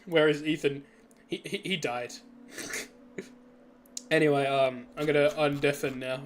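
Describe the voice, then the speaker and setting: A man's voice: a little high, steady tone, a little slow, slight background noise. A young man casually chatting on a live stream while building a game level, laughing and rambling with restarts.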